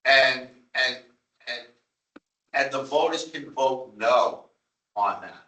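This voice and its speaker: Speaking slowly in a medium-pitched, pushed and bright voice, this town representative on a transit board presses his case about budget numbers at a public meeting. He has a Long Island accent and keeps repeating himself, apologizing but never letting up. The sound is distant and echoey, captured across a meeting room.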